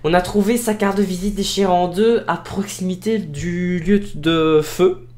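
A man's voice: high voice, steady tone, moderate pace, a little mellow. A man with a Belgian French accent improvising casual role-play dialogue in a colloquial, repetitive, talkative way. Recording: echoey room sound.

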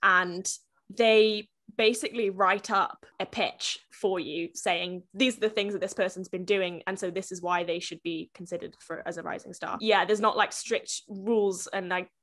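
A young woman talks over a headset on a video call from a small room at home. She is chatty and loose, with lots of fillers, restarts and quick asides as she explains her work. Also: mid-range voice, fairly even intonation, a bit bright. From South Wales. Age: 20s. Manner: chatty, gestures while talking, many fillers and restarts. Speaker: interview guest, publishing professional. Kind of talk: casual video call interview.

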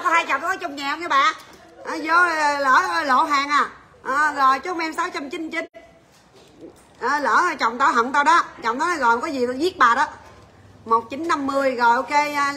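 High bright-voiced woman selling on livestream. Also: moderate pace. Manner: chatty, joking, rattles off prices and buyer names. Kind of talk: livestream sales chat.

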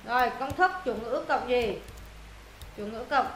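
High bright-voiced woman teacher drilling students. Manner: questioning, drilling students with quick prompts. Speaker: English teacher. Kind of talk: classroom lesson explaining answers. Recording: roomy echo, faint noise.

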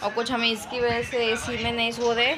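A woman's voice: a little high, completely flat delivery, normal speed, music in the background. A woman in her thirties chatting through her day in a casual home vlog, filmed on a phone held at arm's length. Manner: chatty, homely narration of daily chores. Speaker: family vlogger. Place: small home rooms and street, indoors and out.

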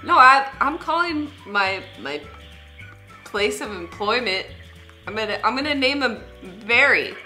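Young woman, bright lively voice, deadpan. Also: on the high side, unhurried, soft background music. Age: young adult. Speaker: prank caller and show host. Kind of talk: casual prank phone call and chat. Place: small indoor room, seated at a table.

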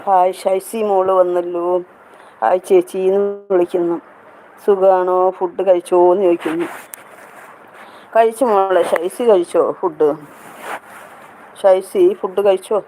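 A chatty woman hosts a live stream, reading her viewers' comments aloud and answering them one by one. Her voice stays level and even, with little rise or fall. A faint noise hums behind her. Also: medium pitch, unhurried, long pauses, low-quality recording. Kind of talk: casual live chat with viewers.

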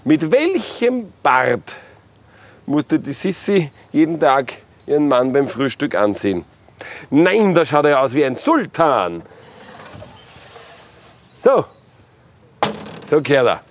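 A man's voice: a little high, big pitch swings, slow, long pauses. A man hosting a travel documentary, teasing and theatrical as he presents and narrates. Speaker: documentary host. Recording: background music.

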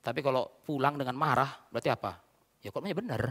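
A man's voice: mid-range voice, lively intonation, quick pace, a bit bright. A man pastor preaching a sermon in a church, full of rhetorical questions and repeated direct address to the congregation. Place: church sanctuary. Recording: reverberant church hall.

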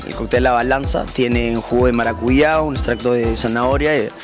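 Hesitant young restaurant owner. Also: male voice, medium pitch, steady tone, a little fast, over music. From Argentina, raised in Peru. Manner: hesitant, many restarts, describes dishes. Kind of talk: casual interview. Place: indoor restaurant, seated at a table. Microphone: host's handheld mic.

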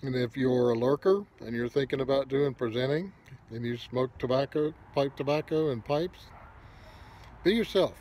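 A man's voice: mid-range voice, normal speed, a little mellow, highs cut off. Older man talking around a pipe. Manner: easygoing, rambling, advice-giving. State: pipe in mouth. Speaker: pipe smoking video host. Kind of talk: casual unedited monologue to camera.

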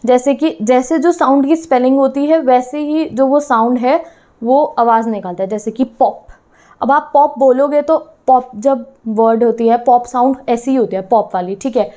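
A woman teaching a class in a fairly high, warm and mellow voice. She slips English terms into her explanations and keeps asking her students questions. She checks again and again that they are keeping up. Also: normal speed. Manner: keeps checking in with "theek hai".

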